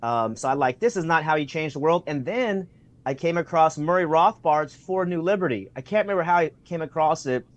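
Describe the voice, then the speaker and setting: A man with a fairly high pitch and lively intonation speaks briskly as a guest on a video call. In conversational storytelling, he's animated, uses many fillers, and impersonates the people he quotes.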